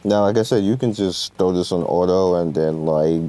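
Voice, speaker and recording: A gamer presenting a game guide rambles through casual, slangy gameplay commentary, guiding viewers along. His voice sits low with a dark tone at normal speed, over soft background music.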